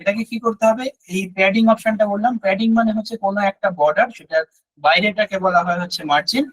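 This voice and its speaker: A man leads a live web design class in a fairly high, husky voice that has gone a little hoarse from long talking. He walks through each step patiently and keeps checking that his listeners are with him. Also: quick pace, fairly bright tone, poor audio. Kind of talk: live screen-share tutorial.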